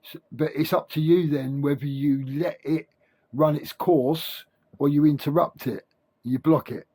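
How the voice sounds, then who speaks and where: Male self-help vlogger, slightly high voice, toothless gummy articulation, halting and repetitive informal monologue. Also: steady tone, dark tone, slightly rough. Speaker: self-help video creator. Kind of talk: rambling spiritual monologue to camera.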